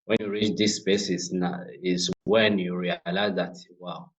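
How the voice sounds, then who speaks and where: Young congolese guy, really low voice, lots of uhs and restarts, muffled audio. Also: fairly even intonation. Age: young adult. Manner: halting, many fillers and restarts. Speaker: guest, refugee-led organization founder. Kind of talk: interview conversation.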